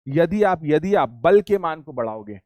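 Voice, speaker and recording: A man's voice: a little high, expressive, measured pace, a little mellow, no room sound. A man teaching a physics class online, repeating key points and quizzing his students with call-and-response questions. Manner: addresses students as beta and bachhe.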